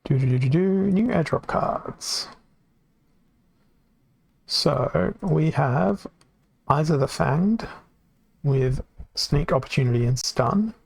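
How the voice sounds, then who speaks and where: Worn from hours of talking, a man streaming a card game from home into a desk mic thinks aloud and corrects himself in casual commentary. His voice is a little high and animated yet slow, with vocal fry, a breathy edge and long pauses, and there's no room sound.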